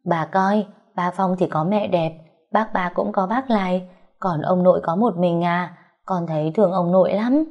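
A woman's voice: on the low side, measured pace, highs cut off. A woman voicing a small boy who talks in a childlike, wheedling way. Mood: coaxing. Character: small boy, sweet and pleading.

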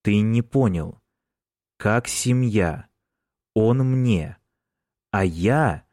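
A man voicing a prickly, hot-tempered young man who talks gruff and blunt. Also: lowish voice, lively intonation, drawn-out words, darkish tone, no echo, clean studio sound. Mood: upset. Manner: gruff, blunt street talk.

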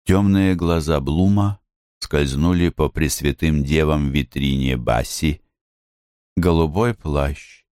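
A man narrating a literary audiobook in a measured, expressive reading. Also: rumbling low, clean tone, no echo, clean studio sound. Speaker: audiobook reader.

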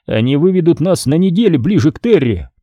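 A man's voice: on the high side, sing-song, brisk, no echo, highs cut off, voice pushed up. A man voicing a stern male ship captain who speaks firmly and dryly, giving orders. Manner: firm, commanding, dry. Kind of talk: audiobook character reading.

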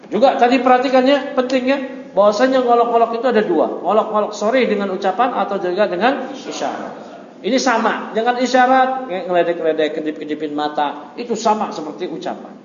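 Man teaching in an echoey hall. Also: high-pitched. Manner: reads Arabic text then explains in Indonesian; asks the audience questions. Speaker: Islamic teacher. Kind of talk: religious study lecture. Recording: echoey hall, dull lo-fi audio.

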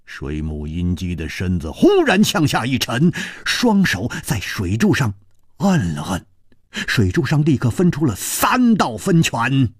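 Animated, husky male storyteller. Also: medium pitch, measured pace, dry recording, studio quality. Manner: dramatic, swinging between hushed and exclaimed phrases. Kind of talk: broadcast martial-arts storytelling.

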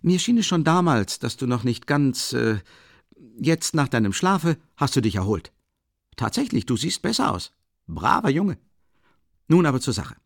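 An eager, chattering young man who fusses over his friend and brags about his bargains, put on by a male audiobook reader. The voice sits well above the reader's own, swinging up and down with lively excitement. It is recorded dry and close. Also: mid-range voice, vocal fry, no room sound, voice pushed up. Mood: excited, bustling. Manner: excited, lively, quick-tempered, teasing. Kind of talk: audiobook reading with acted dialogue.

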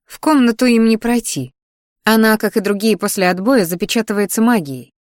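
A woman's voice: medium pitch, a little fast, dry recording, clean studio sound, voice pushed up, close to an everyday voice. A woman voicing a cheerful, bossy young female student roommate in a fantasy audiobook, talking eagerly and emphatically. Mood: lively, bossy.

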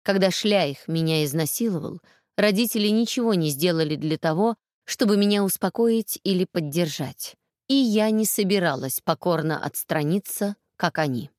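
A woman reading a first-person novel aloud as an audiobook narrator, calm and measured. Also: lowish voice, no echo, studio quality.

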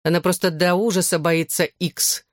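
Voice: mid-range voice, fairly even intonation, normal speed, no room sound, studio quality, close to an everyday voice. A reader voicing a blunt, mocking teenage girl in an audiobook. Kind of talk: audiobook character voice.

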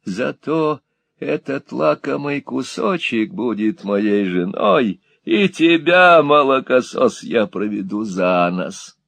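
A man voicing a spiteful, gloating old miser in a storybook reading, with a shrill, sneering, cackling voice. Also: expressive, takes it slowly, gravelly, a bit bright, no room sound, exaggerated voice.

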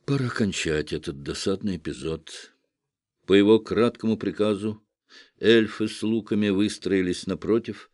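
Male audiobook reader, slow and even, dry close sound. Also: fairly low pitch, dry recording. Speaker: narrator. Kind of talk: audiobook narration.

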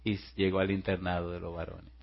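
A male pastor telling a story in a sermon, animated, with frequent asides to the congregation. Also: sits low, fairly quick, creaky. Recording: muffled lo-fi recording.

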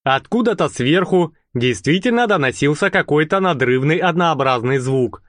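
A man narrating an audiobook in an expressive storytelling manner. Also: a little high, normal speed, no echo, studio quality.

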